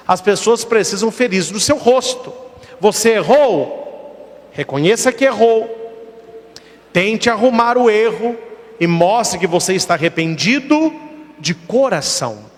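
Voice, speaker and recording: Man, priest, sermon, high animated voice, rhetorical questions, long echoing hall. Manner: storytelling with acted dialogue and rhetorical questions.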